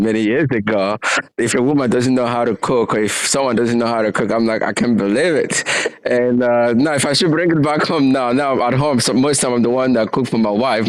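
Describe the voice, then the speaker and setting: Man from Nigeria, middle-aged chef, animated storyteller, smooth and resonant, dry sound. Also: mid-range voice, no room sound. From Nigeria, raised in Bologna, Italy. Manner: animated storyteller with frequent restarts. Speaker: chef and restaurant owner, guest. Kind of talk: conversational interview.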